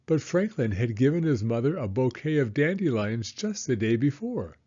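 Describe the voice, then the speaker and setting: In a mid-range voice, a man narrates a children's storybook with an expressive, measured storyteller's touch. The audio sounds dull.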